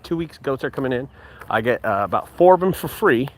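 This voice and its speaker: A man's voice: medium pitch, fairly quick, a little hiss or hum. A man in his forties, a business owner, chatting casually while showing his land outdoors. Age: 40s. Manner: relaxed, chatty, says "dude". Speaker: junk removal business owner. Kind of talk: casual vlog walkthrough. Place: outdoors on an open rural property.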